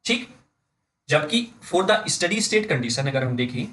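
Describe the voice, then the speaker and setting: A man with an Indian accent giving an engineering lecture, dictating slowly word by word and often checking in with his students. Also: fairly high pitch, sing-song, fairly bright tone, poor audio. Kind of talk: blackboard-style lecture in mixed Hindi and English.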